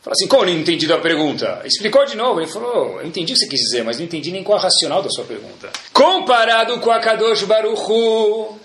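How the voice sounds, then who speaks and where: Animated man telling a religious story. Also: high-pitched, fast, hardly any pauses, reverberant. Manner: animated storyteller, mixes in Hebrew prayer terms.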